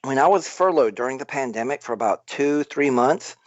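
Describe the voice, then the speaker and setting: A man's voice: mid-range voice, lively intonation, fairly quick. A tipsy man with a Southern American accent rambles boisterously through a casual live-stream chat. His voice comes through a dull, dry home microphone with no room echo. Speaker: guest toy artist.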